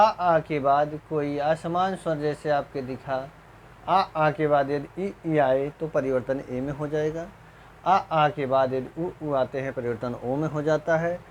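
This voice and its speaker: Male teacher going super slow over a grammar lesson, clears his throat a lot, keeps asking if you got it, voice drops low on answers. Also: a little hiss or hum. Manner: slow, repetitive, checks understanding with rhetorical questions. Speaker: Hindi teacher. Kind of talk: recorded exam-prep lecture.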